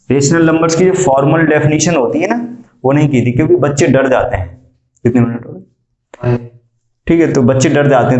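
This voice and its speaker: A male math teacher lecturing a classroom, quizzing students and repeating key statements slowly. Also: a little high, darkish tone, dull audio. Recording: echoey classroom.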